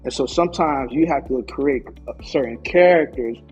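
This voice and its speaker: A martial arts instructor from Orlando, Florida, appears as a podcast guest, casually telling stories about his experience in a mid-range, darkish American voice. He speaks haltingly, repeats phrases and checks in with "you know." The audio is dull, with soft background music.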